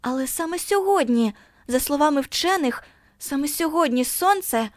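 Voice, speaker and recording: A timid, lonely little girl pleading softly and faintly, voiced by a woman reader. The voice sits a little high, close to the mic in a dry space. It sounds small, helpless and unsure. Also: lively intonation, moderate pace, no room sound.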